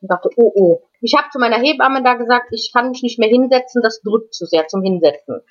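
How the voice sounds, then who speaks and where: A woman guest recounts a personal experience in casual, unscripted talk. Her voice sits a little high, and she often stops and repeats words before going on. The recording sounds slightly muffled and lo-fi. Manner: halting, frequent restarts and repeated words. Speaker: interview guest. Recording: dull lo-fi recording.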